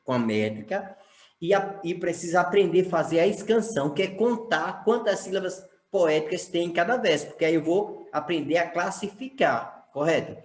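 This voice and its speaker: A man's voice: sits high, lively intonation, moderate pace, roomy sound. A male teacher from Sergipe, Brazil, with a Brazilian Portuguese accent, explaining a lesson and asking rhetorical questions. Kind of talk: recorded online lesson.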